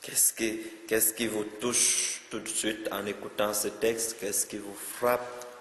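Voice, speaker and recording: Priest teaching the bible to a group, slow and unhurried, lots of questions, big roomy hall. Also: male voice, on the low side, flat delivery, a bit bright. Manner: slow, questioning the audience, repeats words.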